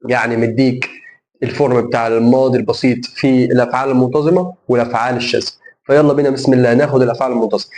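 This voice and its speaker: A man's voice: mid-range voice, a little mellow, a little hiss or hum. A young man with an Egyptian Arabic accent, teaching English grammar to middle school students. He repeats each rule and asks "okay?" before answering it himself. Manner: repeats rules and asks himself questions like tamam? then answers.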